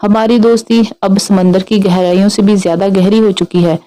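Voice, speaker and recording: A woman's voice: mid-range voice, steady tone, moderate pace, warm tone, lightly acted, poor audio. A woman voicing a playful, teasing young man in love in a read-aloud story. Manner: teasing, mock-innocent.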